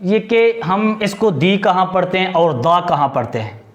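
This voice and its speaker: An English teacher with a high voice, lively intonation, and moderate pace gives a video grammar lesson on a muffled recording. He patiently explains and repeats key points, posing questions and then answering them himself.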